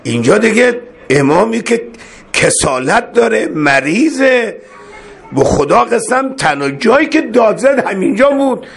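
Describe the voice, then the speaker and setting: A man with a high, sing-song voice and vocal fry preaches a religious sermon. He recites Arabic verses and explains them with impassioned emotion, his voice rising and breaking.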